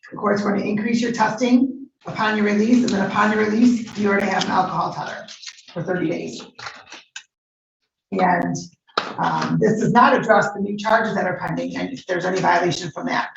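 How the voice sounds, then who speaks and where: Woman judge, firm and measured, gravelly, courtroom recording, distant echoey and muffled. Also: mid-range voice, fairly even intonation, background noise. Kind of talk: formal court proceedings.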